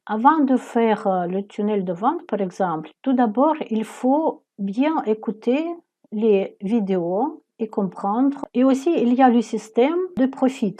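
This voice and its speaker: Slow, mellow Ukrainian-accented woman. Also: mid-range voice. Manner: hesitant, with frequent "euh" fillers and some non-native phrasing. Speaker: business presenter. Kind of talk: screen-share product walkthrough.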